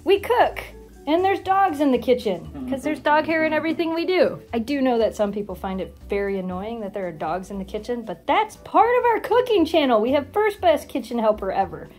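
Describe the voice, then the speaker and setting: A woman in her forties chatting playfully to camera while filming in her home kitchen. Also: on the high side. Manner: chatty and playful, lively rising questions. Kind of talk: casual chat to camera.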